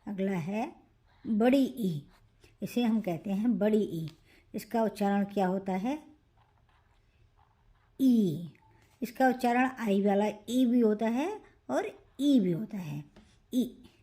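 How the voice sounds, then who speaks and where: A woman teaching Hindi pronunciation, saying each vowel sound slowly and repeating it. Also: mid-range voice, expressive, dark tone. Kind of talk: pronunciation lesson.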